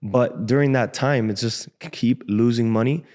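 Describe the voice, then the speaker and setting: A man's voice: mid-range voice, normal speed. Frank young man telling his story. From Cuba, raised in Miami. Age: 20s. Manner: relaxed, frank, casual slang. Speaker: guest trader. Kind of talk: casual interview storytelling. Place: podcast studio, indoors. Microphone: desk boom mic.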